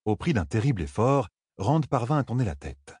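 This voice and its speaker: A man reading a fantasy audiobook aloud with measured, dramatic delivery. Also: medium pitch, very animated, darkish tone, breathy edge, dry recording, clean studio sound. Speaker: audiobook narrator.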